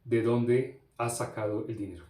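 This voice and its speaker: A man, acting out a stern, angry father who firmly and slowly questions and punishes his young son in a sermon story. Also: mid-range voice, fairly even intonation, dark tone, natural voice. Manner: firm, slow, insistent questioning. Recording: echoey room.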